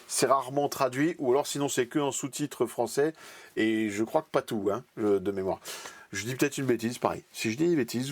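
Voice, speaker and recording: A man hosting a casual weekly hobby news recap, chatty and hesitant, with many fillers and restarts. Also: medium pitch. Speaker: channel host.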